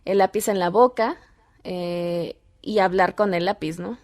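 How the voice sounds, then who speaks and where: A woman, a podcast guest and mother, telling animated stories and acting out quoted dialogue. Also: on the low side, measured pace. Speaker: guest, voice-over artist and mother. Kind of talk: casual podcast chat.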